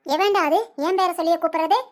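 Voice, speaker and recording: A woman voicing a sharp-tongued, boastful old grandmother in a cartoon, scolding and loud, shrieking when scared. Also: very high voice, fairly even intonation, fast talker. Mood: frightened. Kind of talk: cartoon voice acting.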